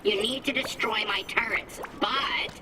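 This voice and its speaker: A woman's voice: mid-range voice, unhurried, background noise. A woman voicing a cheerful, chatty female robot memory that carries a deadly turret, with a robotic voice effect. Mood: flustered. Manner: eager, chatty, apologetic. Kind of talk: video game dialogue. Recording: distant voice under loud game music.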